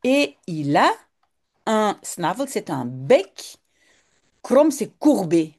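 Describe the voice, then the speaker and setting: Lady teacher, slow and patient, voice bounces up and down a lot, reads a text and explains each word. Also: mid-range voice, very animated, darkish tone. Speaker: language teacher. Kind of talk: reading a text aloud and explaining it.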